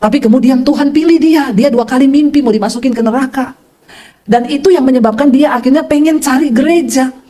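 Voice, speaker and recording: A woman pastor preaching a sermon, telling stories in a lively way and calling out to the congregation. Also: high-pitched, brisk. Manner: lively storytelling, addresses listeners as brothers and sisters.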